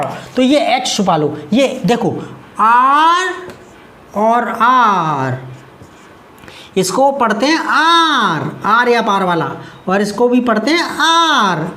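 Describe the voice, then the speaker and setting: A woman teaching English grammar in a lively classroom style. She drills words by repeating them and asks and answers her own questions. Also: on the high side.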